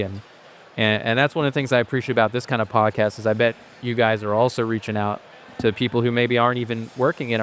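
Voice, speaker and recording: A company founder who grew up in Asia appears as a podcast guest, speaking at length in a casual, thoughtful way with frequent restarts. His voice is on the low side and a bit bright. The casual interview conversation carries a little hiss or hum.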